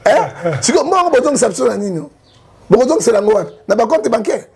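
A man from Congo with a Congolese French accent, giving animated political commentary full of rhetorical questions. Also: very high voice, quick pace, gravelly, a crowd in the background. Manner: emphatic, rhetorical questions, frequent "hein?".

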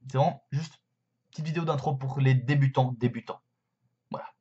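A casual explainer vlog: a man in his twenties chats to his webcam indoors, in a bedroom lined with shelves, walking through a card game full of fillers and hesitations. He speaks fairly quickly at mid-range pitch with fairly even intonation, a warm tone and a breathy edge. The audio is dull.

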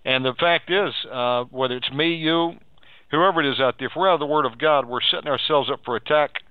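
On live radio, a man preaches and counsels, urging and exhorting his listeners while repeating phrases and asking leading questions. His voice is on the high side and fairly quick, with no echo, though the audio sounds tinny and phone-like.

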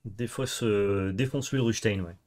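A man's voice: on the low side, normal speed, darkish tone. A young man co-hosting a card game video, bantering and suggesting plays, with the odd swear when frustrated. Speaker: co-host and card game player. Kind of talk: casual gameplay chat.

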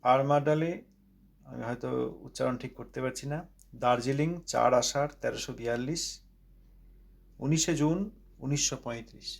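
A man who chants verses slowly, then reads aloud from a religious letter and explains it, repeating and rephrasing each point. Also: medium pitch, fairly even intonation, creaky. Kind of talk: devotional reading and commentary.

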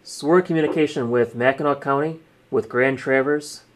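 His mid-range voice moves briskly with fairly even intonation as he runs a laid-back hands-on demonstration and explains each step along the way. The man is an exercise participant and presenter, seated at a small indoor radio desk, and the recording carries faint room noise.

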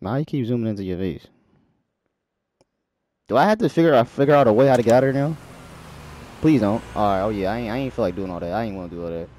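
Loud joking young gamer guy. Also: fairly low pitch, animated, fast talker, pauses often, poor audio. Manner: loud, jokey, yelling in panic. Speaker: gaming YouTuber. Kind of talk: horror game let's play commentary.

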